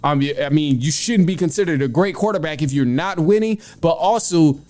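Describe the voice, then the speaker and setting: Talking a little fast in a fairly high, darkish voice, this sports podcast host gives his opinions casually and informally, dropping the occasional mild swear word.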